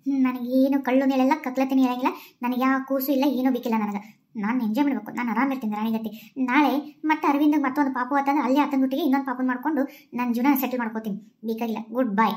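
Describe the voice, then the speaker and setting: Sneering cartoon wife with a north karnataka accent, fast and high, brushing everyone off, a woman voicing her. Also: fairly even intonation, a little mellow, lightly acted. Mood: scornful. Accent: North Karnataka Kannada. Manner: contemptuous, dismissive. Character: cold scornful young wife, selfish.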